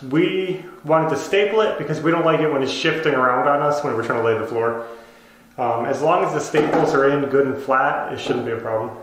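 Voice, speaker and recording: Speaking fairly quickly in a mid-range voice, a renovation vlogger in his thirties explains things casually to camera. He's indoors in an empty bedroom under renovation, and the bare room is very echoey.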